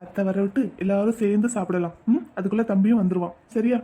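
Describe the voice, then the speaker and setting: A woman's voice: medium pitch, quick pace, dark tone, breathy edge, natural voice. A woman voicing a moody but kind teenage village boy in a cartoon.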